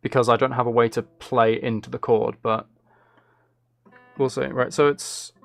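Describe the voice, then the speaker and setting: The British streamer's voice is mid-range, level, and fairly bright with a creaky edge, moving at a moderate pace. He thinks aloud casually while making music, speaking into a close streaming microphone.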